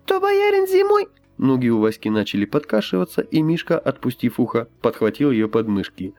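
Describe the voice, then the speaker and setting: A man reading an audiobook aloud in an expressive storytelling manner. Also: mid-range voice, a little fast, no echo, soft background music. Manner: expressive, lively. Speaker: audiobook reader. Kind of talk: scripted narration.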